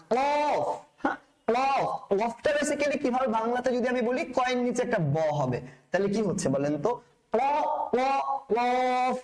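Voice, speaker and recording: Man teaching letter pronunciation, high and animated, calls the learner sir, playful. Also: low-quality recording. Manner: drills letters by repeating them, addresses the learner as sir, playful asides. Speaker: Quran reading teacher. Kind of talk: recorded lesson on Arabic letter pronunciation.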